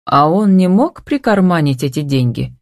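A confident, wealthy businessman talks in a lazy, playful drawl, teasing and giving orders, as a woman reading an audiobook voices him. Her voice sits low, and the recording is dry and close with no room sound. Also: lively intonation, moderate pace, no room sound.

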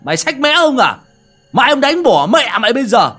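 A man playing a furious, boastful old village healer who shouts abuse. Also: extremely high pitch, sing-song, moderate pace, husky, faint music behind, voice pushed up, full character voice.

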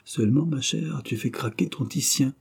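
Dude reading as a smug joking journalist, glib banter, dark husky tone. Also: male voice, medium pitch, moderate pace, pitched above the performer's own voice. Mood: teasing. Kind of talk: audiobook reading of a novel.

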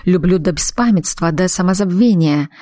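A woman voicing a jealous, violent young husband who speaks slowly and coldly. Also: on the low side, dark tone, dry recording, clean studio sound, lightly acted. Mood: pleading. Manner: slow, cold and threatening.

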